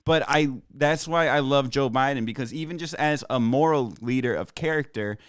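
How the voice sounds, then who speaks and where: A man's voice: mid-range voice, normal speed, clean tone, no echo, clean studio sound. A man hosting a podcast, talking in casual discussion, earnest with joking asides. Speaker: podcast host.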